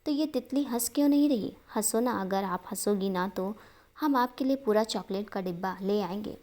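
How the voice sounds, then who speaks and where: A gentle, caring young husband speaks softly and kindly, as a woman storyteller voices him. He coaxes and reassures, with no harshness in his tone. It comes across as a storybook figure. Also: medium pitch, normal speed, lightly acted. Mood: gentle, coaxing. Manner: soft coaxing, speaking kindly to a child.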